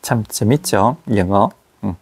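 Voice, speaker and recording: A man lecturing in a small classroom, his voice gravelly and husky. His pitch moves in a lively way as he slowly repeats English words aloud so students can hear each sound. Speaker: English teacher.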